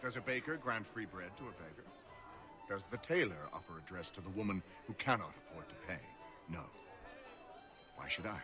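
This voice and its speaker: A cold, money-loving doctor. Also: male voice, low voice. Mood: firm. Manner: calm, measured, coolly reasoned. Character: cold, mercenary male doctor who loves money. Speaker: physician. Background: game music.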